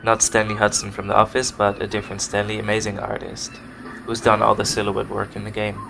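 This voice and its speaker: A Dutch man from the Netherlands rambles casually through a let's play, hunting for words as he commentates his own game. His voice sits on the low side and comes out brisk, creaky and completely flat. He records on a desk microphone into his computer, with game music and noticeable noise behind him.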